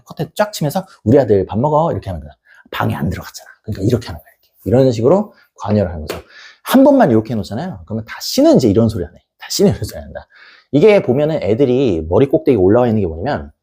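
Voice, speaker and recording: Brief: male tutor-lecturer, blunt and colloquial, rapid delivery, wildly swinging pitch, dark husky tone. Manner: blunt, colloquial, acts out scenes, swears freely. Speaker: education YouTuber and tutor. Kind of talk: blunt casual parenting lecture.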